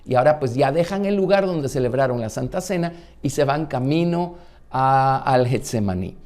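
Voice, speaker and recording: A man's voice: medium pitch, animated, moderate pace, a little mellow. A male pastor with a Guatemalan Spanish accent teaching a Bible study in a conversational sermon, with frequent fillers and restarts.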